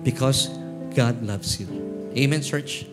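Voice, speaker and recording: A man's voice: mid-range voice, takes it slowly. A middle-aged Filipino man preaching a church sermon, telling funny stories as he switches between Tagalog and English. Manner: humorous storytelling, mixing Tagalog and English. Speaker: pastor. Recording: music playing behind the voice. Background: guitar music.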